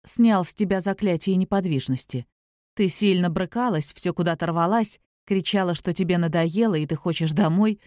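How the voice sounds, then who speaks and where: A woman's voice: lowish voice, normal speed, a little mellow, dry recording, clean studio sound, natural voice. A woman voicing a friendly, teasing young male werewolf in an audiobook, speaking easily and affectionately. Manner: easygoing, affectionate, calls her little one.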